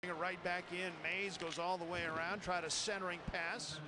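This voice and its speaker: A male hockey commentator with a high-pitched voice describes the play. The broadcast recording is clearly noisy. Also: little pitch movement, normal speed.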